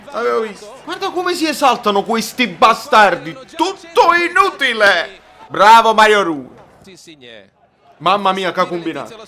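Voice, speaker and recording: A man reacting live to a football match as a fan, emotional and exclamatory, with swearing and bursts of shouting. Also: high voice.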